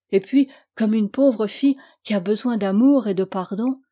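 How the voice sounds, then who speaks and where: A woman reads aloud from a classic novel with expressive, theatrical phrasing, lingering slowly over the dramatic lines. Her voice sits at a medium pitch and has a mellow, warm timbre. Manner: expressive, theatrical, with slow emphatic passages. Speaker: audiobook reader. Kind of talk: dramatic reading of a 19th-century novel.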